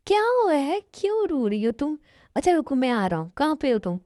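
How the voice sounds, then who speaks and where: A caring young college guy, voiced by a woman in an amateur dubbed love story, soothing and earnest as he talks. The voice sits fairly high and mellow. It is recorded close and dry. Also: expressive, fast, no room sound, natural voice.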